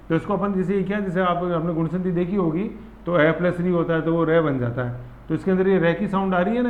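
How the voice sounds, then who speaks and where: Man teaching a class, fairly high voice, roomy and muffled lo-fi sound, lively, memory tricks, checks on students. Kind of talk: exam-prep classroom lecture.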